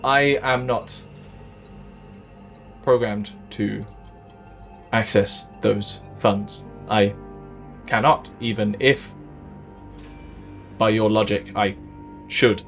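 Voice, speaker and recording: A man voicing a calm, rule-bound factory AI in a tabletop game, speaking in a smooth, formal, machine-like way. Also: fairly low pitch, very slow, pauses often, faint music behind, exaggerated voice. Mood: flat. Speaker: game master.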